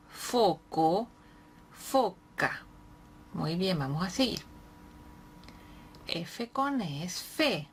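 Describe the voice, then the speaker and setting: Woman reading tutor: drawn-out syllables, very unhurried, encouraging, light noise under the voice. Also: mid-range voice, fairly bright tone. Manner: slow, clearly spelled syllables with patient encouragement. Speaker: reading teacher. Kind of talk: slow syllable-by-syllable reading lesson.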